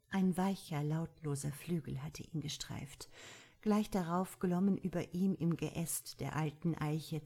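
A woman reads a dark fairy tale aloud as an audiobook narrator. Her voice is low and husky, and she keeps it soft and hushed, often close to a whisper. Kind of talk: audiobook storytelling.

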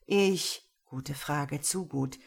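A woman voicing a tense, quick-tempered young man who snaps and stammers defensively. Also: deep voice, vocal fry, breathy edge, exaggerated voice. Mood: flustered.

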